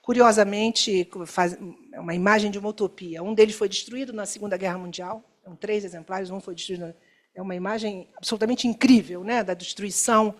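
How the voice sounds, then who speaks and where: A woman's voice: medium pitch, fairly even intonation. Woman giving a rambling academic talk. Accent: Brazilian Portuguese. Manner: discursive, many fillers and self-corrections, asks listeners "né?"; slows to stress key terms. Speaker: academic speaker. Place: lecture room.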